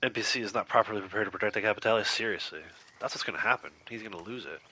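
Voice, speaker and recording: Congested and slightly nasal with a cold, this gamer talks very fast in a lowish, bright, forceful voice as he streams, with a little hiss or hum audible. He's chatty, laughs easily, and reads and responds to viewer messages while playing.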